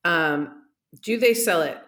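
A woman co-hosting a podcast, joking with deadpan comic bits. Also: fairly low pitch, takes it slowly. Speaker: podcast co-host. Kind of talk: casual group chat.

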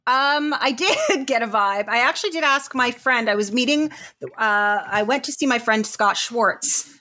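A woman's voice: on the high side, lively intonation, normal speed, bright, forceful tone. A woman co-hosting a podcast, chatty as she tells an anecdote. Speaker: podcast co-host. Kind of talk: casual storytelling chat.

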